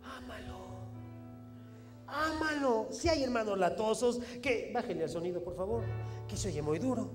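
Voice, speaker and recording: Pastor, high voice, lively preaching; church hall reverb, soft music under. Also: male voice, moderate pace. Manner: animated, preaching with rising emphatic phrases and acted quotes. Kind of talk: sermon.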